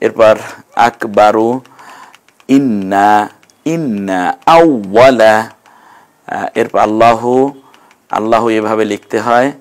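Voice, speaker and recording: A man teaching Quran reading in an online class, slowly sounding out syllables and encouraging his students. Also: medium pitch. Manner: slow, syllable-by-syllable drilling of pronunciations; patient, encouraging. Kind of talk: online lesson.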